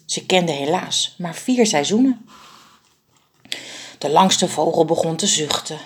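A woman reading aloud a children's story she wrote, expressive and lively. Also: low voice, a little slow, husky. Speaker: author and narrator.

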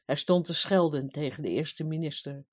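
A woman's voice: low-pitched, normal speed, darkish tone. Woman reading a fairy tale aloud. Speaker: storyteller.

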